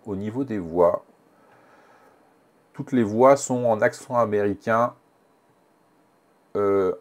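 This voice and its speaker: A man presenting a casual software tutorial, thinking aloud with many fillers and restarts. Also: on the low side.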